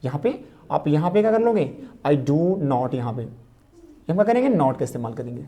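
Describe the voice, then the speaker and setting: A woman teaching a grammar lesson to students, repeating key phrases slowly and asking rhetorical questions as she explains. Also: sits low, sing-song, dark tone.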